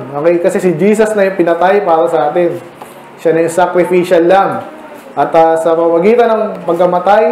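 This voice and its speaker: Filipino pastor with a high, mellow voice. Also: male voice. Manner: conversational, mixing English into Tagalog, asking the congregation questions. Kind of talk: midweek Bible study sermon. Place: church hall. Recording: echoey room with faint ambient noise.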